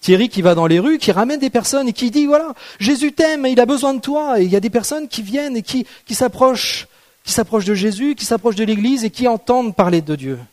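Male preacher with a high voice, chatty and joking, checks in with the congregation often. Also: expressive, quick pace, a little mellow. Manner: conversational, asks the congregation rhetorical questions; playful, jokes with the audience. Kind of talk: sermon.

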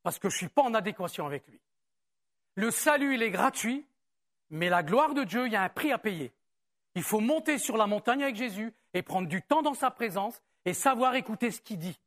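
Animated and a bit bright, with a voice that sits high, a man gives a church sermon in the easygoing, direct style of a pastor with his congregation. He peppers it with rhetorical questions and turns slower and more measured when reading a passage aloud.

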